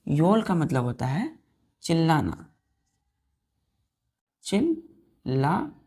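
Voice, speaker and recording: Slow, gravelly-voiced woman teaching vocabulary. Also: lowish voice, lively intonation, a little mellow. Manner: slow, spells words letter by letter and repeats answers; asks pupils questions and answers them herself. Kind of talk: vocabulary lesson for students.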